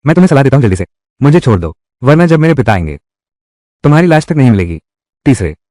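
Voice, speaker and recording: A menacing tough guy from a dubbed revenge drama, voiced by a man. His pitch swings widely as he threatens, and the close studio recording is dry with no room sound. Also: sing-song, fast talker, mellow, no echo, natural voice. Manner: threatening, confrontational delivery. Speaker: dubbing voice actor. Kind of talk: Hindi dub of a live-action drama.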